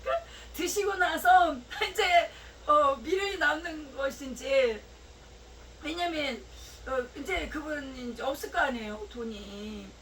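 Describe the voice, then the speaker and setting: A woman pastor telling a personal story in a sermon, her voice swelling into shouts and near tears. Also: high voice, slow pace, distant mic, a little hiss or hum, poor audio. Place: small church sanctuary.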